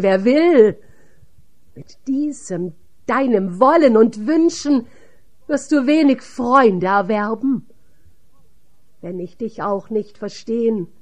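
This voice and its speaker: A woman reading the part of Johannes, a skeptical young man who scolds a dreamer, in an audiobook voice. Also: a little high.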